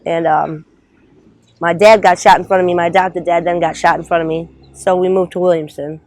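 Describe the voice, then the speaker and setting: A woman's voice: fairly low pitch, fairly even intonation, brisk, a little mellow, rough recording. A woman in her twenties, born in Trinidad, speaking bluntly and swearing freely in an outdoor street interview. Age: 20s.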